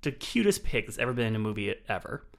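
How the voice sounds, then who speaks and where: A man co-hosting a film podcast, teasing and joking in casual banter, his voice shooting up when excited. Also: on the low side, fast talker, creaky. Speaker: podcast co-host. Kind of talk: casual film review chat.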